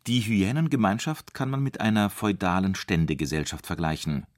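A man's voice: deep voice, normal speed. A man reading scripted narration in the manner of a documentary.

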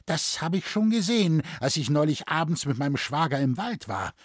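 A man performs a naive, easily startled city schoolmaster, pitching his voice higher than his natural one into a sing-song tone at a normal pace. He sounds anxious, fussy and proper, stammering whenever something shocks him. The studio-quality recording has no room sound.

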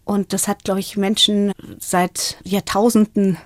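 A woman's voice: medium pitch, flat delivery, unhurried, dry recording. A middle-aged woman, a researcher explaining her work in a podcast interview in a thoughtful way. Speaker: guest, parrot and raven researcher.

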